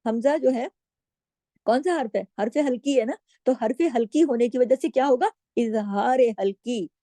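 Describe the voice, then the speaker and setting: A woman teaching Quran recitation rules to female students, explaining each letter patiently and drawing out the recited words slowly. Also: sits high, mellow, no room sound. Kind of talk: tajweed lesson.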